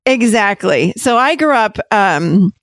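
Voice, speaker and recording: A woman from Rochester, New York, a therapist talking as a podcast guest in a chatty, quick way, correcting herself and laughing often. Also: medium pitch, lively intonation, no room sound. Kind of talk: casual interview talk.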